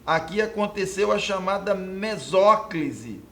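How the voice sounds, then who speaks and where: High-voiced Brazilian man teaching Portuguese. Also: expressive, unhurried, pushed and bright. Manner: explanatory, checks in with frequent "ok?"; points at the board. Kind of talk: exam question walkthrough lesson.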